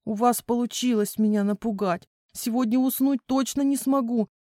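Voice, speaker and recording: A woman's voice: a little high, normal speed, warm tone, no echo, clean studio sound, natural voice. A woman voicing a timid little boy wolf cub who whines and trembles with fear in a children's storybook. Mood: shaken. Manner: scared, whiny, trembling.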